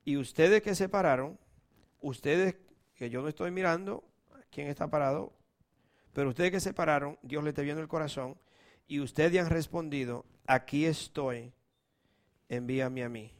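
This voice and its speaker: A male pastor preaching a sermon, reading scripture and leading a prayer, impassioned and swinging between loud appeals and hushed prayer. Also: a little high, normal speed, long pauses. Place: church.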